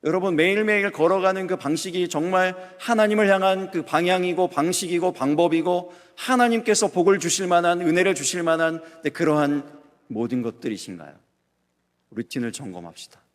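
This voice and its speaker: A middle-aged male pastor giving a Sunday sermon, swinging between loud emphatic peaks and soft, hushed storytelling. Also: high voice, animated, fairly quick. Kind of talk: Sunday sermon with acted anecdotes. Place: church sanctuary. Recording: long church hall reverb.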